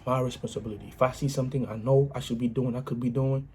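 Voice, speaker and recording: A man's voice: mid-range voice, steady tone, fast talker, darkish tone, a little hiss or hum. Earnest man giving a casual pep talk. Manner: earnest, repetitive, punctuates with "you know what I'm saying"; informal grammar, restarts. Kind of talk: casual motivational monologue.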